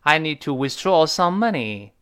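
A man's voice: a little high, very animated, unhurried, fairly bright tone, clear, resonant tone. A man teaching a spoken English lesson, explaining pronunciation and modeling phrases for learners to repeat.

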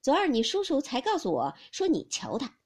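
A commanding young noblewoman with a sharp tongue, as a woman reader puts her on, her voice rising and falling in lively, teasing swoops. The tone is a little husky and bright in pitch. She talks briskly, like someone used to giving orders. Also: exaggerated voice.

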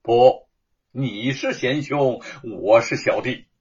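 A man voicing Li Chunfang, a frank, earnest young male scholar in a told story, speaking persuasively and a little louder than his narration. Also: mid-range voice, slow pace, breathy edge, highs cut off. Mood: friendly.

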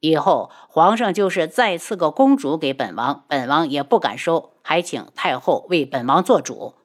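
A man's voice: on the high side, expressive, normal speed, voice pushed down. A woman doing a cold, scornful young prince. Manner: cold, clipped, contemptuous.

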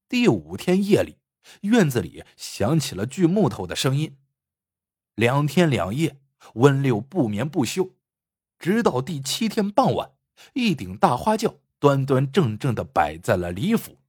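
A male storyteller reads a folk tale with expressive, scripted delivery. His voice is husky and his pitch moves in a lively way. The recording is dry and close. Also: a little slow, dry recording.

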